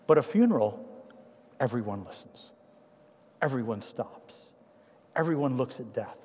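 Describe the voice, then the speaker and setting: Preaching to seniors in a church sanctuary, a pastor with a Trinidadian accent and a mid-range voice tells animated, humorous stories that give way to quiet, earnest appeals. A long hall reverb hangs on the recording.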